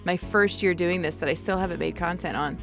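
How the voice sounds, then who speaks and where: A woman from New York chats on a game stream in a lowish voice, telling stories in a rambling way with many restarts. Faint music plays behind her. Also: fairly quick. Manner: rambling, chatty storytelling with many restarts and laughs. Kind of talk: casual chat while gaming.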